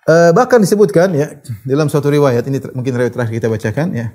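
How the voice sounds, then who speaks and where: Man, preacher, lively sermon storytelling, fairly high voice, quotes then translates. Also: quick pace. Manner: animated retelling, quotes Arabic then translates. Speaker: Islamic preacher.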